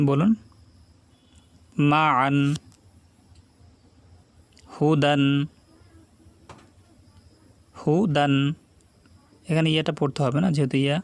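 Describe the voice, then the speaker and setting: A man's voice: mid-range voice, no echo. A man teaching Quran reading, reciting words syllable by syllable, repeating each one, and explaining pronunciation. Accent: Bangladeshi. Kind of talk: slow recitation lesson with explanations.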